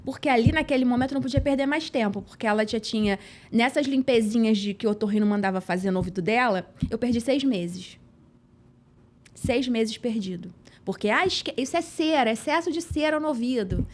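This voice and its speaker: A woman's voice: on the high side, quick pace. Earnest Rio-woman telling her story. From São Gonçalo, Rio de Janeiro state, Brazil. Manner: acts out dialogue, earnest and emotional. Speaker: podcast guest. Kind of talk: personal storytelling.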